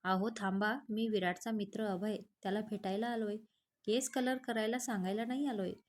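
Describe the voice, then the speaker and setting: A woman's voice: medium pitch, steady tone, moderate pace, close to an everyday voice. A woman voicing a chatty young man who teases his friend, in a read-aloud storybook. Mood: earnest. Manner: teasing, chatty. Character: young man, lovestruck, pushy, joking friend.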